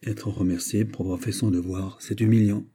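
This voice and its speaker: A man reading a classic novel aloud as an audiobook narrator, in a measured storytelling manner. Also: lowish voice, steady tone, mellow, slightly rough. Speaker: audiobook reader.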